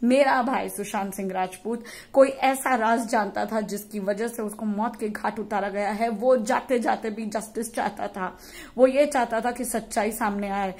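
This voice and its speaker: A woman vlogger rants with fury and force, hurling insults at her critics. Her voice sits a little higher than most. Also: fairly even intonation, normal speed, darkish tone. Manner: mixes English phrases into Hindi. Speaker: YouTuber. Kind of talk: impassioned vlog rant.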